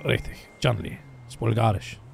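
A man's voice: lowish voice, moderate pace, creaky, slight background noise. A young man playing a joking roleplay character in a video game, tossing Spanish words into his talk.

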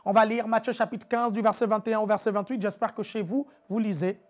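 A woman preacher giving a live-streamed teaching sermon, chatty and animated, laughing often and repeating calls to her viewers. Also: medium pitch, fast.

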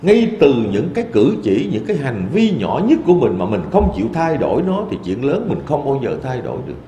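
A man, a Buddhist monk, giving a dharma talk in a temple hall with lively storytelling. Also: mid-range voice, brisk, a little hiss or hum. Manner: lively storytelling, quoting voices in asides.

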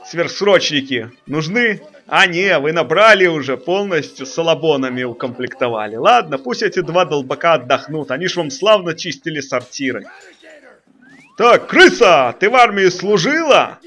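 A man's voice: on the high side, expressive, normal speed, bright, forceful tone. A man voicing a bullying, foul-mouthed army drill sergeant who barks commands and insults in a comic parody dub. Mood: brusque.

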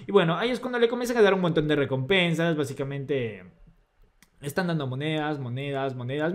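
A man narrating a comic recap in casual, chatty speech, retelling each scene and quoting the characters' lines. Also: a little high.

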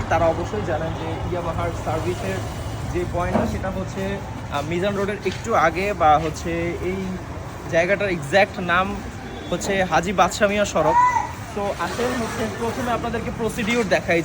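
A young man with a fairly high voice talks through a casual motorcycle vlog, full of fillers and explanations. He records out on the street, and traffic and engine noise come through clearly behind him. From Bangladesh. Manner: conversational, many fillers and English words. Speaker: motovlogger. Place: outdoors in town, riding and at a service point. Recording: noisy outdoor street recording. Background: traffic and vehicle noise.

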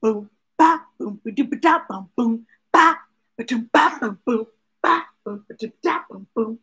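Reading aloud for kids in a small indoor room with shelves of books, this middle-aged American woman speaks at a moderate pace in a higher voice with a breathy edge. Her delivery is expressive and playful, with rhythmic chanting of repeated words and chatty asides, recorded on a webcam or device held at arm's length.

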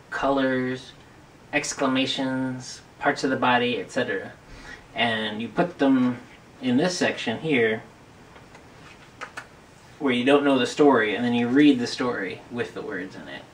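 Man, family video host, playful explainer, casual lesson, distant mic, light background hiss. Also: medium pitch. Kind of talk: casual teaching presentation. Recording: distant mic with faint noise.

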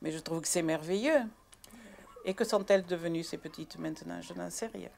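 Old lady ex-teacher, gravelly voice, repeats oui oui a lot. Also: lowish voice, fairly quick, darkish tone. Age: older. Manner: emphatic, repeats words fondly. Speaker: former schoolteacher. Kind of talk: spoken reminiscence.

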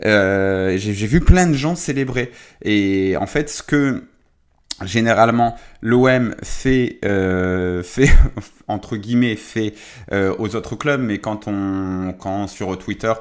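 A man's voice: lowish voice, slow pace, clear, resonant tone. Tired man chatting on a live stream. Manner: chatty, many restarts and hesitations. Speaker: football streamer and commentator. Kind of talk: casual live-stream debrief.

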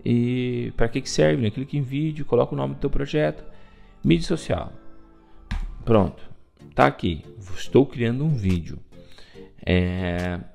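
Gravelly man walking through a tutorial. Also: medium pitch, a little slow, pauses often, a little mellow, faint music behind. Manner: explains step by step, pointing things out with "ó". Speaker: video tutorial host. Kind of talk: screen-recorded software tutorial.

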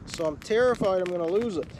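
A middle-aged bushcraft vlogger from Newfoundland, Canada, talks in a high voice at a quick clip, rambling easily and often stumbling and restarting. He's outdoors in a sunny forest by a lake, captured by a tripod camera a few metres off, with clear background noise in the audio.

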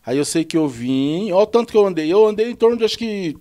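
In a casual podcast chat, a guest who drives trucks and comes from the São tells a long, rambling story about himself, acting out the dialogue he quotes. His voice sits high and he talks fast.

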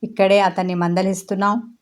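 A woman voicing a gentle young woman who pleads with an angry man to calm down in a storybook reading. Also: medium pitch, fairly quick, natural voice. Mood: pleading. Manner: pleading, calming.

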